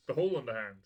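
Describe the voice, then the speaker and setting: A man hosting a reaction video, chatting casually as he watches and thinking aloud, sometimes breaking into loud excited shouts. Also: medium pitch, dull audio. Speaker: reaction channel host.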